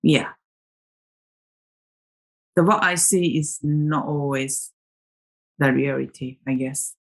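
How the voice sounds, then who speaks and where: Husky low-voiced woman from Japan. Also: slow pace. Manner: chatty and reflective, many fillers and restarts. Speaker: tarot vlogger. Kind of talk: casual rambling vlog.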